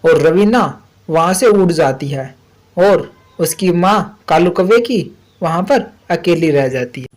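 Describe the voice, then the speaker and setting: A woman's voice: on the low side, expressive, measured pace, darkish tone. A woman narrating a children's cartoon story in a plain, matter-of-fact way.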